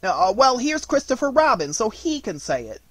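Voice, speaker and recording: A man voicing a brisk, bossy, self-important rabbit in a storybook, with a pompous questioning manner. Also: very high-pitched, big pitch swings, fairly bright tone, dry recording, pitched above the performer's own voice, heavily acted. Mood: important, flustered.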